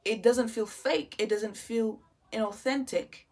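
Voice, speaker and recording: A woman's voice: on the high side, measured pace, darkish tone. A woman giving casual album reaction commentary, chatty and enthusiastic, thinking aloud as she talks. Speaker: music reviewer.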